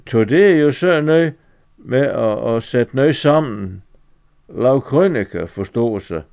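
A man's voice: medium pitch, expressive, gravelly, a little mellow, clean tone. A man voicing a fumbling, muddled older male farmer who searches for words as he reads a dialect story aloud. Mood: rambling.

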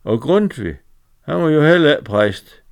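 A fumbling old farmer with a pipe, rambling and stumbling over his words. His voice sits higher and livelier than ordinary speech, with a smooth, clear tone, as a man acts him out in a read story. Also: big pitch swings. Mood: searching, eager. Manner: muddled, searching for words. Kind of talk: dialect story reading.

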